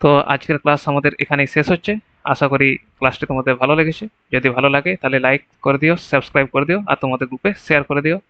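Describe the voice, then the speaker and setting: A man's voice: medium pitch, fairly even intonation, racing, bright, forceful tone, smooth, dry recording, lo-fi sound. A man teaching an exam-prep lesson, going through the answer choices one by one and often checking with "right?".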